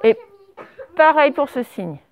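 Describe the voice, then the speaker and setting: A woman teaching a primary school class, correcting a dictation and spelling words out letter by letter with patient pauses. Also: sits high, wildly swooping pitch. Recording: dull lo-fi sound.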